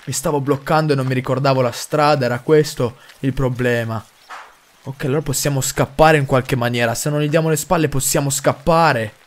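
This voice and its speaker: A young man commenting on a horror game as he plays, excitable, with mild cursing and lots of talk to his viewers. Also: mid-range voice, fairly quick. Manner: excitable, swears mildly, addresses viewers. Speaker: gaming video host.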